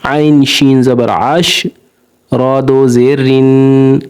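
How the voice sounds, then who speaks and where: A man teaching Quran recitation, spelling out each letter and syllable and then drawing out the joined word slowly and patiently. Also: mid-range voice, level tone, a little mellow, clean tone.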